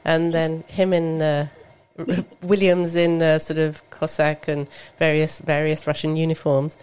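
A woman hosting a radio chat, speaking in a measured way with filler pauses. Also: deep voice, flat delivery, darkish tone, smooth. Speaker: radio host.

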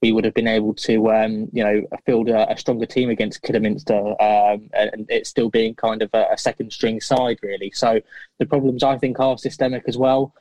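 A man's voice: on the low side, flat delivery, fairly quick, darkish tone, no room sound, rough recording. A man giving interview answers as a football fan, earnest and hesitant. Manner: earnest, hesitant, many fillers and restarts.

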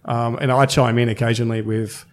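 A brewery co-founder of fifty speaks briskly in a mid-range voice with little pitch movement. As a guest in a casual interview, he thinks aloud, filling his talk with many fillers.

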